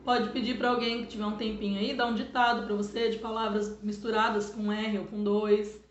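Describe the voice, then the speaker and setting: A woman's voice: mid-range voice, level tone. Patient Brazilian woman teacher, echoey room. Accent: Brazilian Portuguese. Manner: patient, explanatory, sounds words out slowly. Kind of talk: remote lesson for children. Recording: echoey room, dull lo-fi sound.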